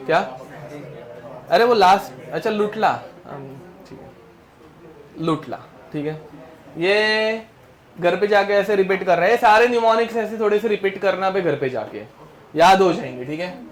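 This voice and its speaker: A man's voice: high-pitched, moderate pace, long pauses. A man teaching chemistry to a class, drilling mnemonics and scolding students who turn around, in with a tinge. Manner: drills mnemonics, scolds students, Hindi mixed with English terms. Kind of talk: classroom lecture.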